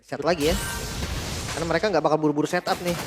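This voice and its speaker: A man's voice: a little high, steady tone, racing, music in the background. A man commentating on an esports match as a caster. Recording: clear game noise with gunfire and clicks.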